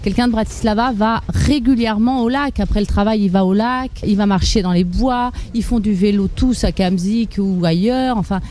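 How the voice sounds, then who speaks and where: A woman's voice: mid-range voice, moderate pace, hardly any pauses, warm tone, a little hiss or hum. A woman from Paris, answering interview questions in a chatty way, with many fillers and restarts. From Paris, France. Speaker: interviewee, expatriate mother.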